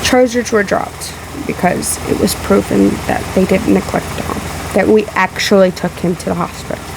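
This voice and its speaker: A woman vlogging a casual, emphatic rebuttal in halting phrases, sounding sick, emotional and a little out of breath, with a fan running in the room. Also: medium pitch, fairly even intonation, creaky. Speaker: vlogger responding to a video. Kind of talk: casual rebuttal vlog to camera. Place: room in a house. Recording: loud fan noise in room. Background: fan running in the background.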